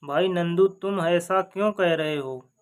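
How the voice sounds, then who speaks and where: A man's voice: sits high, unhurried. A man voicing a practical, loyal village friend in a folk story, speaking earnestly.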